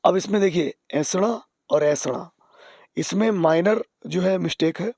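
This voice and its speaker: A man teaching exam spelling, patient, repeating key words and dropping to soft asides. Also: high-pitched, a little slow, gravelly, dry recording, clean studio sound. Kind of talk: explaining spelling on screen.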